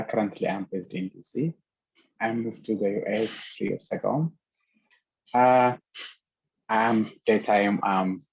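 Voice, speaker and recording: A young man from Ethiopia, a guest on a video call panel, speaking earnestly and haltingly with frequent pauses. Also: fairly low pitch, creaky, a little mellow, breathy edge, no echo, muffled recording. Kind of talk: casual panel talk over video call.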